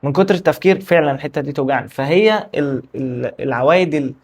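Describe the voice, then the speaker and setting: Fast-talking Egyptian man, rambling and candid. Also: fairly high pitch, vocal fry, slightly rough. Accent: Egyptian Arabic. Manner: rambling, repetitive, candid, trails off mid-word. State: tired and anxious. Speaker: vlogger. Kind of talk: casual confessional vlog.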